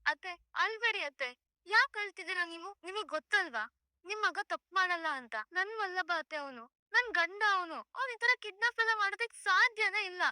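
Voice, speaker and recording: A woman's voice: very high-pitched, animated, brisk, bright, forceful tone, no room sound, exaggerated voice. An actress playing a young wife who soothes and insistently reassures her mother-in-law. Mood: consoling.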